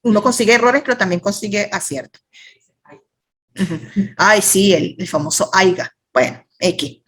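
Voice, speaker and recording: A Venezuelan woman with a slightly husky, breathy voice leads an online writing class over a video call. She talks in a loose, chatty way and keeps dropping playful asides to her students. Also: medium pitch, lively intonation, normal speed, fairly bright tone. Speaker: creative writing teacher. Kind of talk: online workshop teaching.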